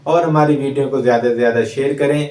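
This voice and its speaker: A man teaching Quran recitation in a recorded lecture, slowly drawing out each letter sound as he demonstrates it. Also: medium pitch, fairly even intonation, darkish tone.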